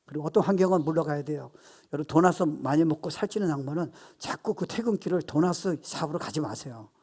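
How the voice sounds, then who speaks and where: A man in his sixties preaching a sermon as pastor, animated and playful, acting out voices and laughing at his own jokes. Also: on the high side, fast talker, slightly rough.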